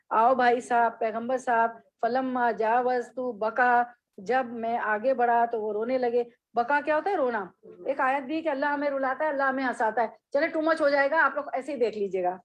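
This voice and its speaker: A woman with a fairly high voice teaches a classroom lesson. She reads short Arabic phrases slowly, then explains and drills them patiently, repeating words for her students. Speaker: Islamic studies teacher.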